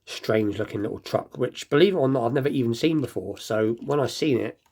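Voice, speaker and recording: Rambling and understated, a man hosts a casual show-and-tell for diecast toy collectors, with a slight lisp like he's just bitten his tongue. His mid-range, slightly mellow voice moves a little fast, with some background noise.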